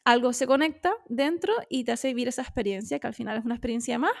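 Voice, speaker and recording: A woman talks candidly as a podcast co-host. Her voice sits a little high, and she talks in a loose, chatty way full of fillers. The sound is dry and close. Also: fast, vocal fry, no room sound. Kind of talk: casual conversation.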